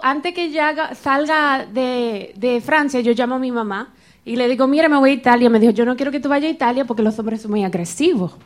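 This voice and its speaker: A high-pitched woman shares a personal story before a church group. She acts out each quoted exchange with lively vocal shifts, in an animated storytelling manner. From Florida, United States. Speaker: church member sharing a testimony.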